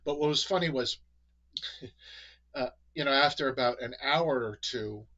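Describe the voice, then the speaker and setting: A man's voice: medium pitch, a little slow, pushed and bright, highs cut off. A man from New England hosting a casual chat, rambling with many fillers and restarts. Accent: New England American. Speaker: podcast host.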